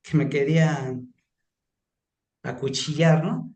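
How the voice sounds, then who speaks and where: A man's voice: a little high, steady tone, slow, a little mellow. A man, a pastor and counselor, sharing a rambling, emphatic story in an online class. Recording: roomy echo.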